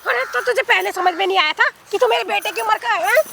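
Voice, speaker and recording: Casting: actress as a high-voiced, bright, taunting aunt, scheming and threatening, scolding outdoors. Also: female voice, creaky, a little hiss or hum, heavily acted. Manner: taunting, scolding, rapid questions. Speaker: actor in a short drama. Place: outdoors in a public place.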